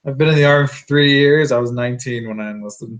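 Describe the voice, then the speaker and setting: A man's voice: medium pitch, fast talker. A man in his twenties co-hosting a casual live stream with dry, teasing jokes. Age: 20s. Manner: joking, dry teasing humor. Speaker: co-host, soldier.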